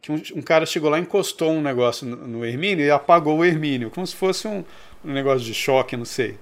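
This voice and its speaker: A man's voice: fairly high pitch, lively intonation, fast. A man from Brazil co-hosting a podcast, telling a long story in casual chat and acting out the quoted voices. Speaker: podcast co-host.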